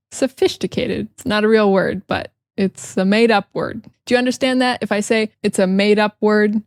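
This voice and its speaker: An American woman teaching English casually, explaining jokes and repeating phrases slowly and then fast. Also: medium pitch, dry recording, studio quality. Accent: General American.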